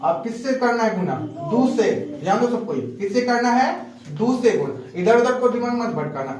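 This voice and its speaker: A male math teacher with a very high, expressive, slightly mellow voice speaks at a moderate pace in a classroom. He asks students questions over and over in a repetitive call-and-response, constantly checking whether they understood. The classroom is very echoey and the mic is distant.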